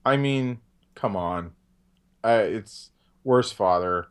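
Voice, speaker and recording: A man co-hosting a casual film chat, jokey and animated, laughing often. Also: fairly low pitch, slow, smooth. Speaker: podcast co-host.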